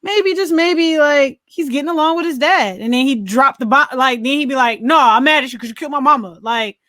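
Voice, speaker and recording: An American woman co-hosts a podcast reviewing films, thinking aloud conversationally in a casual movie discussion. Her voice is high-pitched, a little fast and fairly bright, recorded at studio quality with no room sound.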